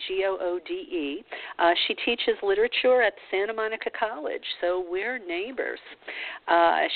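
A woman hosting a talk show who introduces her guest warmly, with many filler words. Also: on the low side. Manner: warm and gushing, heavy on filler words. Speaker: radio show host. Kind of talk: interview introduction. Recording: tinny phone-line sound.

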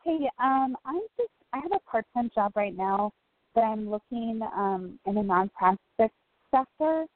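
A woman's voice: fairly high pitch, lively intonation, unhurried, dry recording, narrow, tinny audio. A middle-aged woman calling in for guidance, talking casually and a little unsurely. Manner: hesitant, unsure. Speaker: caller seeking guidance. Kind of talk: casual call-in conversation.

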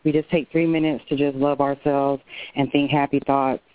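A woman's voice: rumbling low, flat delivery, normal speed, dry recording. A woman calling in to a radio show over a phone line, talking earnestly and personally with a few restarts. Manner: earnest, personal, speaks from the heart with some restarts. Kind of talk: casual call-in chat. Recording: tinny dry phone line.

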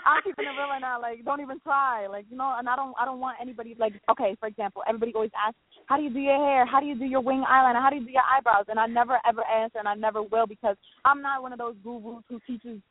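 A woman's voice: on the high side, fairly even intonation, racing, no room sound. A young woman in her twenties with a New Jersey accent, talking bluntly and casually as an interview guest, full of slang and swearing. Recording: tinny phone-like line, dry.

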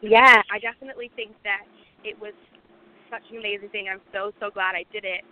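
A woman's voice: mid-range voice, steady tone, brisk, slight background noise. Young woman singer, chatty and thankful, on a phone-quality line. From Lebanon. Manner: warm, grateful, casual with fillers. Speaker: guest singer. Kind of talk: interview answers.

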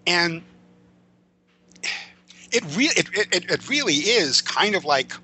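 A man appearing as an interview guest tells stories and shares opinions about comics and film, talking in an articulate, wordy, conversational way while often stammering over repeated words and circling back to rephrase. His voice is high, sing-song, slow, bright and forceful, with a little hiss or hum in the recording.

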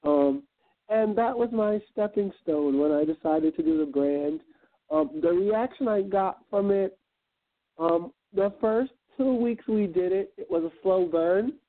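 Speaking a little slowly in a high-pitched voice, this man from Guyana is an event planner and entrepreneur being interviewed on internet radio. The phone line sounds tinny, and his motivational remarks come out earnest and reflective, peppered with ums and uhs.

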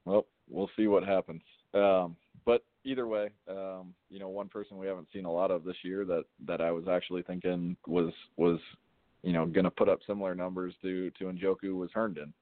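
A man with a deep, steady voice calls in to a radio show by phone and chats casually and agreeably about sports at a moderate pace. His voice comes through a tinny, dry phone line with no room sound.

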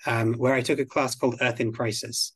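A man from the United Kingdom being interviewed as a guest on a podcast, speaking in a measured, articulate way. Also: medium pitch, flat delivery, breathy edge, no echo. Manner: measured, articulate, slow and deliberate. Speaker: guest expert on biodiversity.

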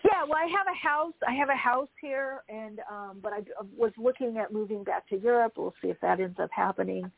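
Her gravelly voice is a little high, and she talks a little fast with hardly any pauses as she hosts a spiritual talk show. The woman rambles casually, interviews, and addresses listeners informally in this live talk. Slight background noise is heard, and the audio sounds thin, like a phone.

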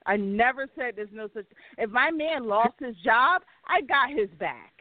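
Blunt high-voiced woman on a tinny line. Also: expressive, unhurried, no room sound. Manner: blunt and emphatic, pushes back. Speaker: podcast co-host. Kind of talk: casual podcast chat. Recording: dry, tinny phone-like line.

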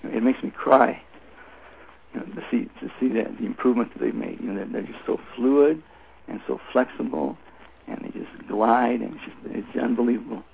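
An older man talks in a very gravelly voice, as an instructor explaining in an interview. He tells anecdotes in an emphatic, repetitive, conversational way. The sound is a narrow phone line with a faint layer of noise. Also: mid-range voice, normal speed. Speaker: Tai Chi instructor, interview guest.

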